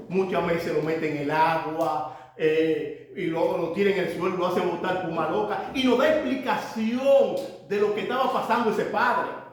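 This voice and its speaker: High-voiced preacher in an echoey church. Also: male voice, a little hiss or hum. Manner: preaching with rising emphatic outbursts and quiet dropped asides. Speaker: pastor. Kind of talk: sermon. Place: church hall. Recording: echoey church room from off-mic.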